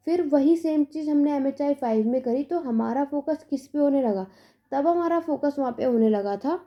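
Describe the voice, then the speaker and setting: Young woman, exam coaching tutor, emphatic and repetitive, somewhat high voice, very mellow tone. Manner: emphatic, repetitive reassurance with "theek hai" checks. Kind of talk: informal exam-tips lesson.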